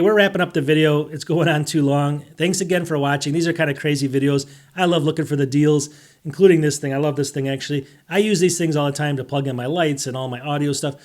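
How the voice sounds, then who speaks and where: A man hosting a casual tech deals video, rambling through prices with rhetorical questions and self-interruptions, saying he is losing his voice. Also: on the high side.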